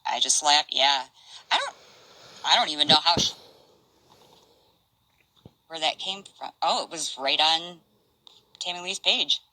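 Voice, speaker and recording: An older woman casually chatting on a stream, reading out messages in a halting, rambling way. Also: low-pitched, animated, bright, forceful tone, dry recording, low-quality recording. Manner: rambling, halting, restarts and asides.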